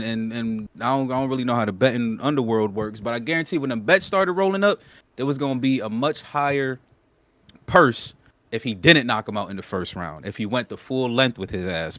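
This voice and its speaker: A man co-hosting a casual live stream, talking in loose slang. His voice sits at an everyday middle pitch and is recorded close and dry, with no room sound. He gets animated and heated when he argues a point. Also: brisk, no echo. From United States. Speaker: podcast co-host.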